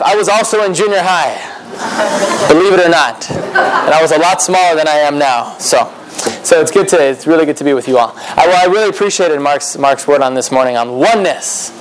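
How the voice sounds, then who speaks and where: A man's voice: on the high side, background noise. A young American man introducing himself and preaching in a friendly, joking way, calling out questions to the audience. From United States. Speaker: conference speaker. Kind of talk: casual talk leading into a sermon.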